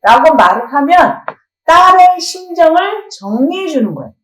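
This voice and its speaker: A woman's voice: extremely high pitch, sing-song, normal speed. A middle-aged woman, a counseling professor, lecturing and asking her audience rhetorical questions. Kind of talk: lecture on family communication. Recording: roomy echo, faint music.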